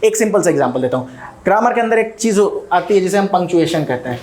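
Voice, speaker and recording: A man's voice: high-pitched, lively intonation, quick pace, darkish tone. An Indian man teaching a recorded video lesson, mixing Hindi with English and often checking in with "ठीक है?". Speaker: coaching teacher.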